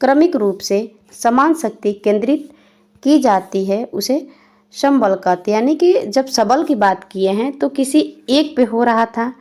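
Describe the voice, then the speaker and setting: In a Hindi grammar lesson aimed at exams, a young woman reads each definition aloud, re-explains it simply, and lays out examples individually. Her voice sits on the high side, animated and a little mellow, and she talks a little slowly.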